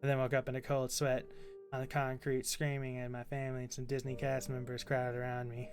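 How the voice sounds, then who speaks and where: Streamer guy reading creepypasta, expressive, kinda mid voice, faint music in the back. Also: mid-range voice, a little fast. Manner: expressive reading, quiet muttering asides while gaming. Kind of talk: reading a horror story aloud.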